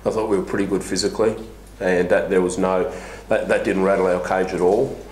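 A man's voice: low-pitched, fairly even intonation, brisk, a little mellow. A middle-aged man, a basketball coach speaking frankly at a post-match press conference, with many fillers and restarts. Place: small press room before a sponsor backdrop. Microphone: table mic on a stand. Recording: echoey room with faint hiss.

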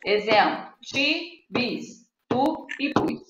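Brazilian woman teacher, higher voice, slow and patient, quizzes kids on a live stream. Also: expressive. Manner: slow, patient, reads word lists aloud and quizzes pupils. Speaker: schoolteacher. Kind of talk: live online Portuguese lesson for children. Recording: echoey room, dull lo-fi audio with faint noise.

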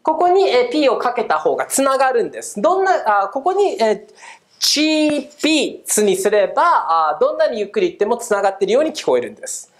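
A woman teaching English pronunciation in a video lesson, upbeat, drilling phrases slowly and mixing Japanese with English. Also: fairly high pitch, very animated.

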